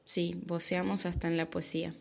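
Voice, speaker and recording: Argentine woman, Spanish teacher, podcast lesson; low gravelly voice, patient, checks in with listeners often. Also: flat delivery, normal speed, darkish tone.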